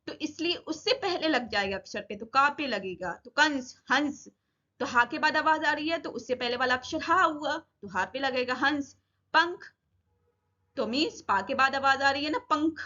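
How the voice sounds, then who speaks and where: A woman's voice: sits high, sharp tone, highs cut off. A woman teaching a grammar lesson to children, who asks a question after each point and then answers it herself.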